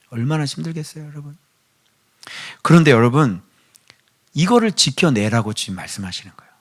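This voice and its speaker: A middle-aged pastor with a mid-range voice preaches a sermon, sinking into hushed whispers before rising to loud pleading. Throughout, he keeps asking the congregation rhetorical questions.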